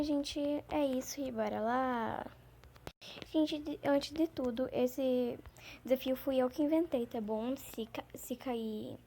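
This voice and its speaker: A talkative woman chats her way through a game, rambling and easily excited. Her voice sits high and mellow, with a faint hiss of background noise. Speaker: gaming channel host. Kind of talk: gameplay commentary.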